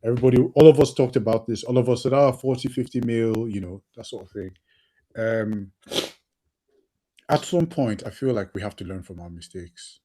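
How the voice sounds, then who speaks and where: Hay fever leaves this football podcast co-host sniffly as he chats casually in a dark, mid-range voice at a moderate pace. He gets passionate, repeating words as he works through his thoughts, and there's a little hiss or hum in the background.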